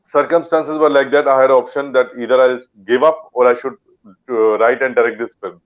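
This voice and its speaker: A muffled recording captures a Punjabi actor with an Indian English accent chatting casually as an interview guest, full of fillers and restarts. He speaks briskly, his mid-range voice keeping a steady tone.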